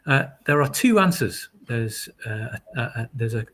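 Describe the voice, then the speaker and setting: Husky man hosting a webinar. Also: mid-range voice, lively intonation, fairly bright tone. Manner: halting, friendly, many fillers. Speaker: webinar host.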